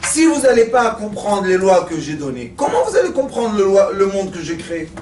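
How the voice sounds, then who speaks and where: A man's voice: sits high, a little fast, slight background noise. A male rabbi giving a weekly Torah lesson, animatedly telling jokes and quizzing his audience. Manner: animated, acting out stories, addressing the audience with questions. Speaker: rabbi teaching a weekly class. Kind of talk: Torah lesson with joke storytelling. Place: lecture room at a study centre. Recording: echoey room, mic far off.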